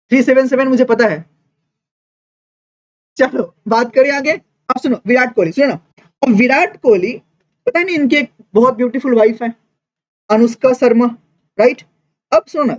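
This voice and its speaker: A woman teacher giving a lively classroom lecture, mixing Hindi and English and checking in with students constantly. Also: on the high side. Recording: dull lo-fi classroom recording.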